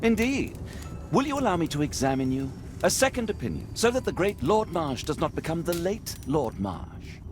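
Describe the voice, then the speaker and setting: An actor playing an earnest, courteous, concerned English doctor with a British accent in a game cutscene. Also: male voice, a little high, very animated, moderate pace, background noise. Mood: polite, insistent. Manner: polite, earnest. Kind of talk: dramatic game cutscene acting.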